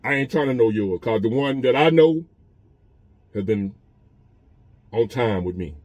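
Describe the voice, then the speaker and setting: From a parked truck, a man in his fifties preaches to his phone camera in an earnest, repetitive, conversational way, like a casual motivational talk. He's expressive and measured, medium-pitched and a little mellow. The audio is dry and lo-fi.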